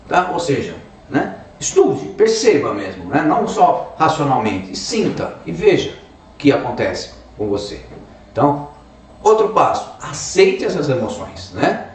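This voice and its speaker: A man's voice: a little high, slight background noise. A man with a Brazilian Portuguese accent giving a self-help talk, explaining step by step and tagging his sentences with "tá?" and "né?". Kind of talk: motivational talk to camera. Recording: echoey room, mic at a distance.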